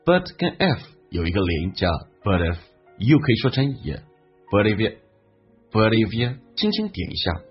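Husky low-voiced man teaching pronunciation. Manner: explains linking sounds, then slowly repeats English phrases as models. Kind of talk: listening and pronunciation lesson. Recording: dull lo-fi sound with faint background music.

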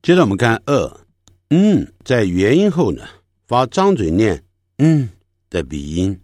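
A man's voice: on the low side, a little mellow, no room sound, clean studio sound. A man teaching English pronunciation, patiently explaining and drawing out sounds to demonstrate them. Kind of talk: classroom lesson.

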